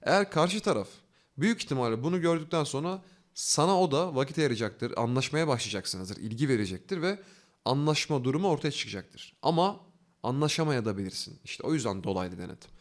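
Fast-talking, earnest male instructor. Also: medium pitch, animated. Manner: explains step by step, asking himself questions and answering them; fast, earnest, coaxing delivery with rising emphasis. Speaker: online self-development instructor. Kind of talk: instructional talk.

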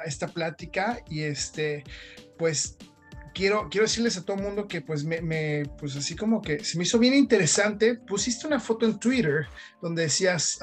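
A man's voice: high-pitched, a bit bright. A man, hosting a casual video-call interview, talking in loose, restarting sentences. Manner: chatty, many fillers and restarts. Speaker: podcast host. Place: home room. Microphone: headset on video call.

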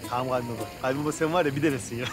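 An actor playing a cheeky village son-in-law. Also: male voice, mid-range voice, rapid-fire, over music, lightly acted. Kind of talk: TV comedy acting.

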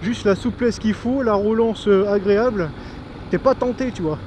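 Riding a motorcycle down country roads, a motovlogger thinks aloud in enthusiastic, informal commentary. His voice is high and moderately paced, and engine and wind noise fill the outdoor recording.

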